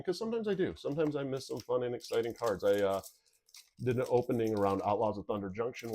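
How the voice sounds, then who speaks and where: Low-voiced man with a sniffly, whistling nose. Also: a little mellow. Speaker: video host. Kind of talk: casual card pack opening commentary.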